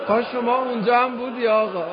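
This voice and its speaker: A man's voice: extremely high pitch, steady tone, lo-fi sound, crowd noise. A man telling a religious story as a sermon, impassioned and calling out directly to his listeners. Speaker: religious preacher.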